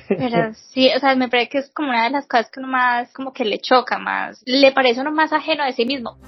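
A woman's voice: high voice, fast talker, breathy edge, highs cut off. A woman co-hosting a podcast, chatty and laughing easily in casual talk. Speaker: podcast co-host. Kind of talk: casual chat.

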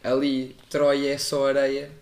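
Calm young Portuguese man, echoey room. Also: mid-range voice, slow, gravelly. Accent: European Portuguese. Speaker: podcast co-host. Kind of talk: casual chat.

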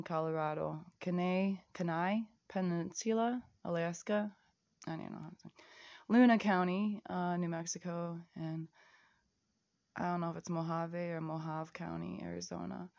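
A woman's voice: on the low side, fairly even intonation, unhurried, creaky, a little mellow, dry recording, lo-fi sound. A woman recording a rambling casual audio diary, reading out lists of places and prices, sometimes half-whispering.

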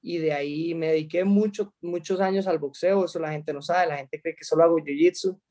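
A man from Costa Rica, a mixed martial arts fighter in his thirties, answering interview questions haltingly with many restarts. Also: a little high, steady tone, warm tone. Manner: hesitant, many restarts and fillers.

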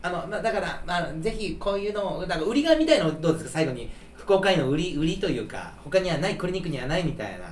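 A man's voice: high-pitched, sing-song, rapid-fire, reverberant, far from the mic, a little hiss or hum. A man hosting a clinic podcast in casual chat, teasing his guests and laughing often. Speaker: podcast host.

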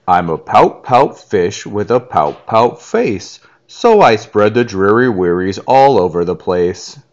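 A man voicing a glum, forever-pouting male fish in a children's storybook, with a slow, drooping sing-song refrain. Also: on the low side, sing-song, dull audio. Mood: gloomy.

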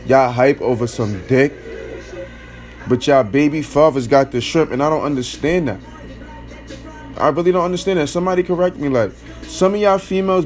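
A man's voice: a little high, a little mellow. A young man ranting bluntly in casual slang, mocking his listeners as a podcast host. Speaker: podcast host giving opinions. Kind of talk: casual opinion rant.

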